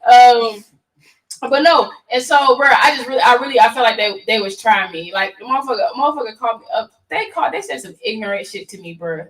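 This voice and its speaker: A woman hosting a casual talk radio show, telling stories in an animated, profane, slang-filled way. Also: on the high side, brisk, distant mic, rough recording. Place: radio studio.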